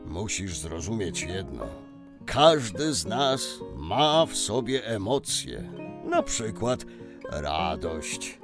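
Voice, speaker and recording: An actor playing a jolly, wise old Santa Claus who speaks in a patient, theatrical, chuckling way for a children's audio story. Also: male voice, sits low, sing-song, extremely slow, over music, exaggerated voice. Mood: gently instructive.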